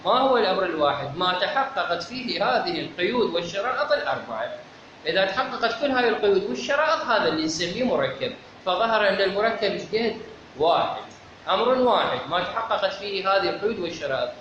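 A man's voice: high voice, expressive, fast. A man with an Iraqi accent teaching a seminary lecture on logic, methodical, asking rhetorical questions and answering them himself. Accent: Iraqi Arabic. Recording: very echoey, dull lo-fi, clear background noise.

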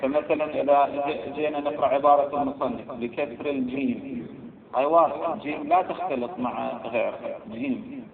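A man slowly explains a religious text, spelling out letters and going back over words. His voice comes over a thin, phone-like line in an echoey room. A crowd can be heard behind him. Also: mid-range voice, vocal fry. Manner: slow, spells out letters and vowels, repeats words. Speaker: religious teacher.

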